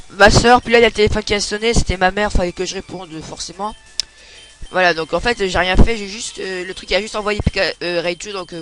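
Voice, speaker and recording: A man's voice: high-pitched, fairly bright tone, poor audio. A young man giving casual, chatty commentary over his gameplay, swearing when it goes badly. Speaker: let's play gamer.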